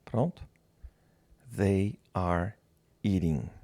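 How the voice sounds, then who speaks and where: A man teaching English grammar, speaking slowly and patiently, repeating example phrases and pausing so learners can answer. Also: low-pitched, animated, warm tone, dry recording. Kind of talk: slow, patient classroom explanation.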